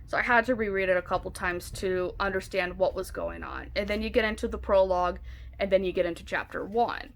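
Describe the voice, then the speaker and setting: A woman's voice: mid-range voice, a little fast, gravelly, slight background noise. A woman chats loosely about what she is reading. Her talk wanders and is full of fillers like "like" and "um.". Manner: chatty, rambling, many fillers like "like" and "um". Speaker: book vlogger. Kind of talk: casual chat. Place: home, with a dog nearby.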